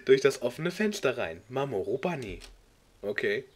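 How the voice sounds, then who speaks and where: Hosting a comedic video read-along, a man works through a clumsy fan story, poking fun at it with exasperated jokes at a moderate pace and big pitch swings, occasionally squeaking into high character voices.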